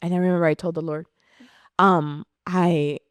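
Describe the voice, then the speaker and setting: A woman's voice: lowish voice, little pitch movement, brisk, clear, resonant tone, no room sound. A woman telling her personal faith testimony in an earnest, storytelling way, often saying "like". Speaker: podcast guest sharing testimony.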